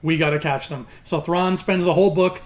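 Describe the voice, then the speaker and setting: A man's voice: fairly high pitch, steady tone, a little fast. A man hosting an opinionated video review in an emphatic, sarcastic, exasperated way, his words slightly mumbled as if he had marbles in his mouth. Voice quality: slightly slurred, marbles-in-mouth articulation from a swollen mouth. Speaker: YouTube host reviewing books.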